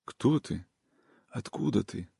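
A man voicing a feverish, weak young man in an audiobook reading, speaking faintly and breathlessly in a hushed voice. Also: on the low side, expressive, measured pace, creaky, slightly rough, no echo, clean studio sound, full character voice.

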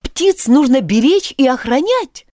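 A shy, good-natured young boy, earnest and polite, with a high, lively voice, as a woman reading the story puts him on. The sound is close and dry. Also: a little slow, no room sound. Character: timid kind-hearted boy.

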